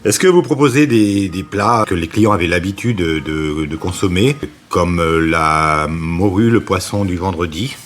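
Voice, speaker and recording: A man interviewing a local business owner, asking friendly questions with some halting starts. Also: deep voice, slight background noise.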